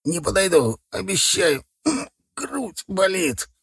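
A man's voice: high voice, very animated, slow pace, vocal fry, a bit bright, slightly rough, pitched above the performer's own voice, exaggerated voice. A man voicing a beaten young male driver who wheezes, pleads and then blusters. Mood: pleading.

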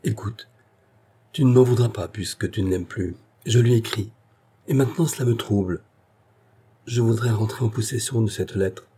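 A man's voice: lowish voice, normal speed, long pauses, mellow, slightly rough. A man reading as a pleading young woman. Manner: pleading and tremulous. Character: anxious young woman confiding to her cousin.

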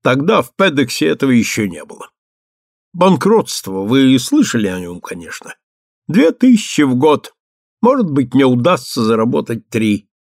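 A man voicing a talkative young gentleman who has lost his fortune and rambles on. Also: mid-range voice, sing-song, moderate pace, no room sound, studio quality. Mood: abrupt. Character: young man, ruined gentleman, chatty and gloomy.

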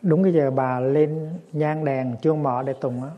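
A man, a Buddhist monk, giving a dharma talk in a gentle storytelling manner that turns lively in the anecdotes. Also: on the high side, a little slow, muffled recording. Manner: gentle storytelling, lively when acting scenes.

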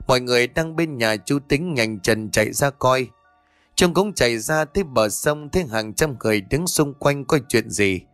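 A man narrates a spooky tale in a steady, even storytelling voice at a middle pitch. The recording is dry and close, with faint music playing under him. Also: no room sound.

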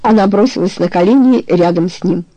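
A narrator giving a steady, measured audiobook reading of a romance novel. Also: medium pitch, dry recording, lo-fi sound.

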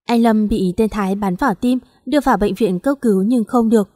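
Storybook role: gentle grieving young man, soft and choked read by a female narrator. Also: mid-range voice, a little fast, no room sound, studio quality, big-room sound, close to an everyday voice.

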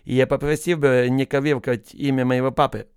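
A man's voice: on the high side, lively intonation, fairly quick, clear, resonant tone, no echo, clean studio sound, pitched above the performer's own voice, close to an everyday voice. A man voicing a naive, polite young recruit who cannot pronounce the sounds L and R. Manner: mild, polite, boastful. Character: naive young male recruit with speech defect.

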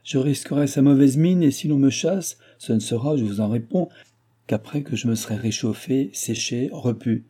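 A man's voice: medium pitch, normal speed, mellow, breathy edge, pitched above the performer's own voice, natural voice. A man voicing a bold, self-assured noble traveler who talks in a confident, commanding and slightly mocking way.

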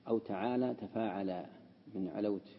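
A man's voice: lowish voice, moderate pace, slightly rough, in a large hall, lo-fi sound. A man teaching a classical text as a sheikh, explaining and repeating key words. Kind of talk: lesson explaining Quranic word usage.

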